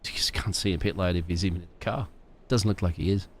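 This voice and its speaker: A man's voice: low-pitched, fairly even intonation, quick pace, slight background noise. A man giving conversational live motorsport commentary as a co-commentator on a sim race.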